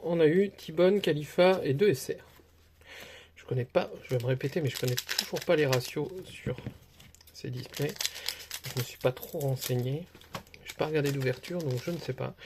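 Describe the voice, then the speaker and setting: Gravelly-voiced man chatting while unboxing. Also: mid-range voice, mellow. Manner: chatty, rambling, frequent hesitations. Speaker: card collector opening booster packs. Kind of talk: casual unboxing commentary.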